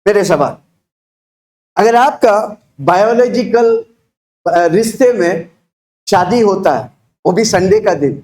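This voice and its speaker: An Indian-accented man preaching a loud, booming call-and-response sermon, urging listeners to repeat phrases and throwing rhetorical questions at them. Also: lively intonation, takes it slowly, long pauses. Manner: booming, exhorting delivery with shouted prompts for the congregation to repeat. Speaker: preacher leading a church congregation.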